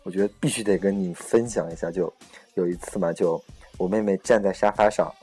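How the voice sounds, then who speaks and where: Young man hosting a chat, husky. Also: low-pitched, brisk, mellow, faint music behind. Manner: hesitant, many fillers and self-corrections. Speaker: host. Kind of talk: casual chat on a podcast-style program.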